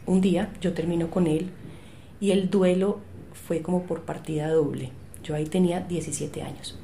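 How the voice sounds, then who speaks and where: A woman's voice: fairly low pitch, steady tone, moderate pace, vocal fry, warm tone, slight background noise. A woman, telling her story as an interview guest and acting out the dialogue she recalls. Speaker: medium, podcast guest.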